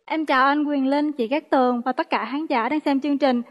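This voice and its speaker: A woman's voice: high voice, fairly even intonation, brisk, in a large hall, muffled recording. A woman in her late twenties with a southern Vietnamese accent, introducing herself politely and a little hesitantly on a dating show. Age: 20s. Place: TV studio stage.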